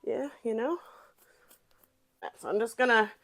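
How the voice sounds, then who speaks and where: A woman's voice: a little high, unhurried, creaky, fairly bright tone. A young woman chatting playfully and rambling through a casual kitchen vlog. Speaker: vlogger.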